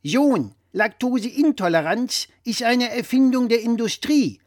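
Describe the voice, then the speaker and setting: A man voicing a blustering, opinionated, old-fashioned father who lectures loudly and with emphasis. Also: very high-pitched, expressive, unhurried, no echo, studio quality, voice pushed up, exaggerated voice.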